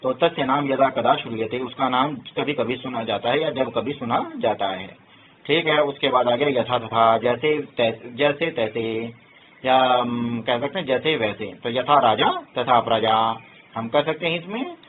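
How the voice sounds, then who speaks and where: A man's voice: mid-range voice, a little slow. A male teacher giving a patient grammar lesson, explaining word by word and often checking that students follow. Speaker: Sanskrit teacher. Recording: tinny phone-like sound, faint hiss.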